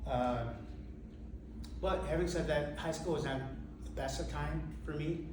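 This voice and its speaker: A man from India telling a personal story on stage, halting and self-mocking, with many fillers. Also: a little high. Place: theater stage. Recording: echoey hall recorded from far off, with noise.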